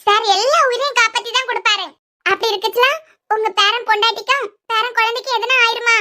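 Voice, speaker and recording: Cartoon nurse, woman voicing: talkative, reassuring, high voice, Kanyakumari Tamil accent. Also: fairly even intonation, fast, pushed and bright. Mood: reassuring chatty. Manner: soothing, talkative. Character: chatty reassuring young hospital nurse.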